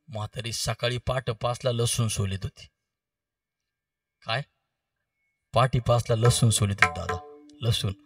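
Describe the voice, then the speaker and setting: A man preaching a kirtan, telling a story and quizzing the audience with quick questions. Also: lowish voice, gravelly, no echo. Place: kirtan gathering. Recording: distant mic with faint music.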